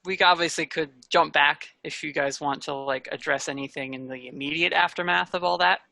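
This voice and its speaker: A game master recapping and running a tabletop adventure in a casual, conversational way. The voice is bright with a gravelly creak, recorded close and dry. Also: mid-range voice, fairly even intonation, fairly quick, no echo. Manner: casual and conversational, slipping between recap and banter. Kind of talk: narrating a tabletop role-playing game.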